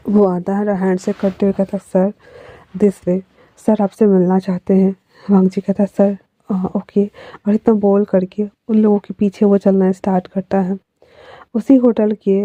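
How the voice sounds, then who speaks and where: A woman's voice: medium pitch, warm tone, dry recording, lo-fi sound. A woman narrating a fan fiction story in a casual storytelling way, reading each character's lines in her own voice with little change.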